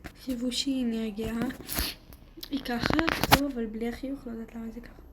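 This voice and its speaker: A woman narrating a game role-play story in a soft, hesitant whisper with fillers. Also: on the high side, level tone, heavy background noise.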